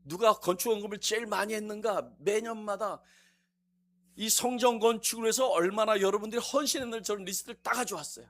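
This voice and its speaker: A man preaching a sermon in a church, acting out quotes with sudden shouts and teasing the congregation between quiet asides. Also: sits high, quick pace. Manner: animated, acts out quotes with shouts and mock dialogue. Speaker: district officer preaching a visiting sermon. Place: church sanctuary.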